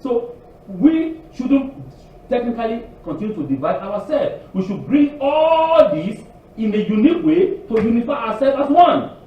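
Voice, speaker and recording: High, lively preaching man in an echoey hall. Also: unhurried, slight background noise. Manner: repetitive, emphatic preaching with restarts. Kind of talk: sermon. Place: congregation hall. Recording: echoey hall from far off, dull.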